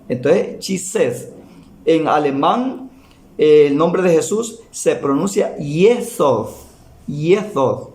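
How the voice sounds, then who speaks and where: A man preaching a Bible teaching in a slow, deliberate way, repeating key words for emphasis. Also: a little high, darkish tone, echoey room.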